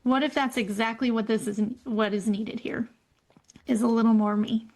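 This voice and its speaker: High-voiced woman, candid and laughing. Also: fairly even intonation, moderate pace, darkish tone. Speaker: co-host. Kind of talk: casual podcast chat.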